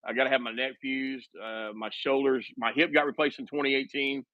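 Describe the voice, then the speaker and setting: A guest in his fifties makes casual conversation, frequently restarting his sentences in a halting way and joking at his own expense. His medium-pitched voice stays steady, and the muffled recording has no room sound.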